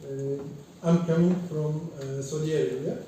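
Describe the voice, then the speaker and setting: A man in his forties from Egypt gives halting, formal remarks as an invited keynote speaker at a conference, with many fillers and repeated words. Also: on the high side, fairly even intonation, warm tone. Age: 40s. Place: large echoey conference hall. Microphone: distant from the microphone. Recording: echoey hall from far off, faint noise.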